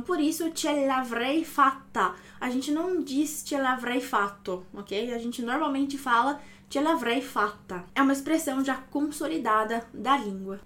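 A woman's voice: high-pitched, fairly bright tone. A woman teaching Italian grammar, explaining step by step and checking in often with the listener. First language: Portuguese. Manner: explanatory, checks in with frequent "ok?" and "não é?".

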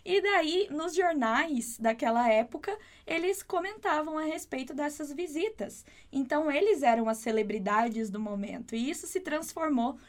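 A high-voiced woman teaches an online Spanish lesson. She explains patiently and repeats each word slowly and clearly. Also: lively intonation.

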